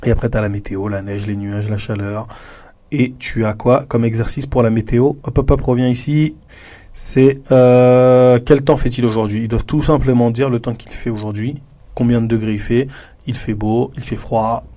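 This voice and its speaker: A man's voice: medium pitch, fairly even intonation, normal speed, mellow. A man walking fellow teachers through classroom materials in a casual, chatty way, often addressing the listener informally. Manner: chatty, addresses viewer informally, many fillers. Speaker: French teacher trainer.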